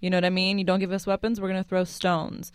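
A woman from Lebanon hosting a casual podcast discussion, talking in animated runs full of "like" and "you know". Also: on the low side, fast, smooth, no echo, clean studio sound.

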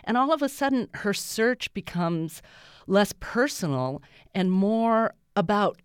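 A woman, a stage actor, talking about her role in an earnest, animated way as an interview guest. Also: medium pitch, slow pace, clear, resonant tone, no room sound, clean studio sound. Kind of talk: interview talk.

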